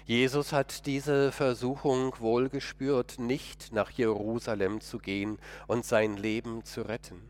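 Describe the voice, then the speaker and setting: A man's voice: mid-range voice, flat delivery, a little slow, hardly any pauses. A man delivering a first-person dramatic monologue sermon in an earnest, emotional, pleading way.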